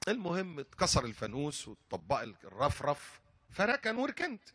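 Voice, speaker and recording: A man's voice: fairly high pitch, fairly quick, a little hiss or hum. An older man with an Upper Egyptian Arabic accent who preaches a sermon and tells stories and jokes with plenty of humor. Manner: lively storytelling, jokes and laughs.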